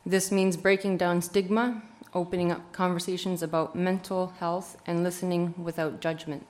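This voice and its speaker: A woman councillor delivering a prepared formal speech in measured, rhetorical phrases. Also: fairly low pitch, level tone, a little mellow. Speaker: city councillor.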